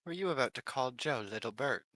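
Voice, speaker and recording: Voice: medium pitch, expressive, fairly quick, a bit bright, no echo. A player speaking in character in a tabletop game, earnest and fussing. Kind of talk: in-character tabletop role-play.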